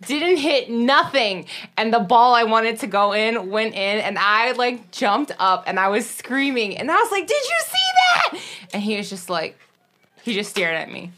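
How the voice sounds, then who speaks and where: A young woman from the Baltimore area telling stories on a casual podcast, blunt and profane, with loud bursts. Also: a little high, measured pace, a little hiss or hum. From Baltimore, Maryland area. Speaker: podcast co-host and storyteller. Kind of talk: casual chat.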